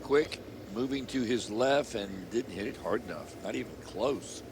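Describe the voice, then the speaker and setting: A man's voice: lowish voice, animated, moderate pace. A man working as a golf commentator and analyst, giving short, blunt verdicts on shots amid outdoor noise. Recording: clear outdoor ambient noise.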